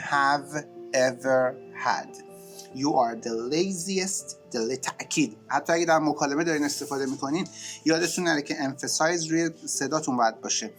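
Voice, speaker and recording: Persian-accented guy giving a grammar lesson, rushes the explaining, slows way down on english examples, music behind. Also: mid-range voice, gravelly, a bit bright, low-quality recording. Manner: switches between rapid explanation and slow, stressed example phrases. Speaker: English teacher.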